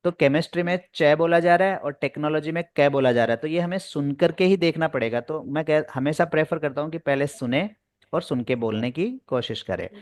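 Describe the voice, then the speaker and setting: A man's voice: fairly high pitch, fairly quick, no echo. A man teaching spoken English in an online class, explaining in Hindi mixed with English terms, patient and repetitive. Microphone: video call.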